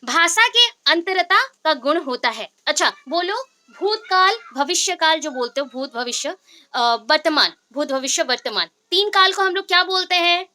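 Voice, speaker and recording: Bright high-voiced woman teaching a lesson. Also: expressive, normal speed. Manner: explains step by step, quizzes students with repeated questions. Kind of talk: classroom lecture.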